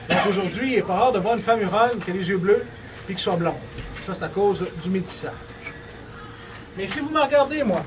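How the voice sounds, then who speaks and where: A cultural tour guide from Côte-Nord, Quebec, leads a group of visitors with a Quebec French accent, joking and teasing the audience as he explains things. His voice is high for a man. A camera picks him up from some distance, with loud room noise washing behind him.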